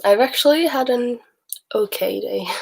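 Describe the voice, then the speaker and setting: On a rough recording, a young woman from Sweden chats with livestream viewers despite being sick, rambling and laughing often. Her voice is on the high side and a little mellow, with vocal fry and a slightly slow pace, and her accent blends Swedish with Texan, Australian and British bits.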